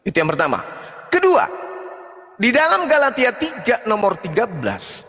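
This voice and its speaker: Combative Indonesian preacher, high lively voice. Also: male voice, a little fast, in a large hall. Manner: combative, taunting, preaching with scripture citations. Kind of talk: heated religious debate.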